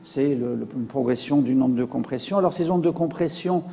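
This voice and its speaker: Gravelly man lecturing in a hall. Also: mid-range voice, a little fast, dark tone. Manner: hesitant, many fillers and restarts. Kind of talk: public science talk with slides.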